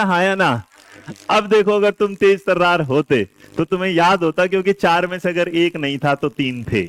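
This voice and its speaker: A man's voice: a little high, clean tone. A male teacher from India giving a classroom lecture, quizzing and teasing his students. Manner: lively, quizzes and teases students.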